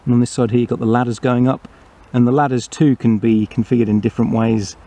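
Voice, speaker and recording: A man casually narrating a toy playset review, explaining the features in a relaxed way. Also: medium pitch, fast talker.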